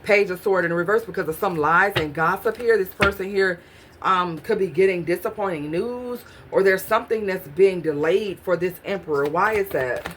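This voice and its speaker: Speaking at a moderate pace in a voice on the low side, a woman reads tarot casually against a noisy backdrop. She muses aloud, talking to herself and questioning each card she pulls.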